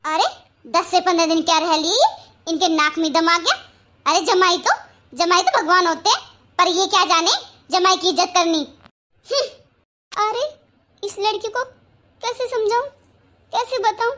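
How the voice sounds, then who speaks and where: A fretful, scolding older mother from a cartoon story. The voice sits very high and sounds bright and sharp. She lectures and worries in turn. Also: moderate pace, pauses often. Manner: scolding then fretting.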